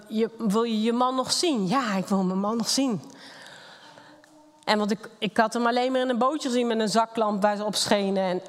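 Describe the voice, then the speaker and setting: Middle-aged woman, blunt and emotional personal testimony, long hall reverb. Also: on the high side. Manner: candid and blunt, emotional storytelling. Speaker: speaker sharing a personal testimony.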